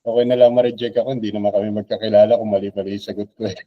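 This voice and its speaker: Fast-talking man on a dull line. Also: fairly low pitch, flat delivery, no echo. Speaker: guest. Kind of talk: casual interview reply.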